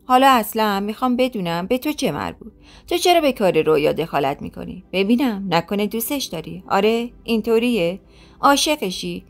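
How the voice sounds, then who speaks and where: Woman voicing a sharp-tongued young woman. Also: mid-range voice, animated, natural voice. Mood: scolding. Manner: scolding, mocking.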